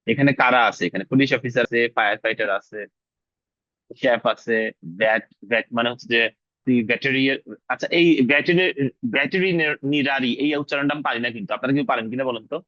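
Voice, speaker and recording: Man teaching English pronunciation, bright voice. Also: mid-range voice, no room sound, muffled recording. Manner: drills pronunciation, repeats words slowly; mixes English words into casual teaching talk. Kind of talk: online class lesson.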